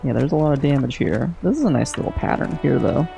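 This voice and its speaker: A man giving casual, low-key playthrough commentary as a gaming host, musing aloud and reading out game text. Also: lively intonation, fast, creaky, dull audio, over music.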